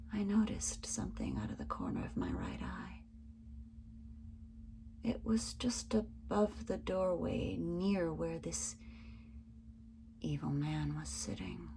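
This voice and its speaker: Reading a written memoir aloud, a woman with a fairly low voice tells her first-person story in a dramatic, suspenseful, theatrical way, swinging from hushed tones to forceful ones. There is slight background noise.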